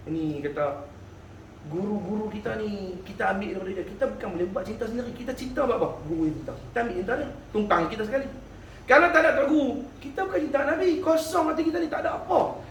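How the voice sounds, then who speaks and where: Male preacher, high and bright voice, animated storyteller, echoey room, distant mic. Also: creaky, slight background noise. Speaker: religious teacher. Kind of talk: sermon.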